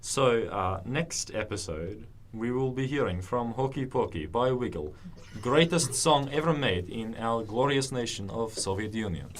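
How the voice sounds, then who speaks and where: A man's voice: medium pitch, expressive, measured pace, slight background noise, close to an everyday voice. A man putting on a mock Russian accent to voice a pompous male Soviet radio presenter.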